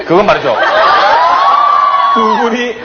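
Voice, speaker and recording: Very high-voiced excitable male game host. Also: slow. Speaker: variety game show host. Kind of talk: loud game-show hosting. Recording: dull roomy TV audio, noisy crowd.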